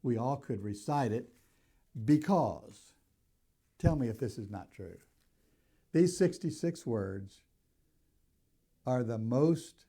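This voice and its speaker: An older man preaching a sermon in a deliberate, emphatic way, stressing key words as he teaches. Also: medium pitch, lively intonation, warm tone, breathy edge. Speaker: pastor.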